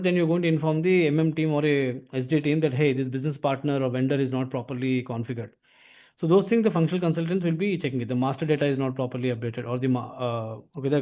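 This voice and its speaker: An instructor with an Indian accent gives a casual explanatory lesson in a slightly high voice with a dark tone. He keeps adding filler tags such as "actually" to his sentences.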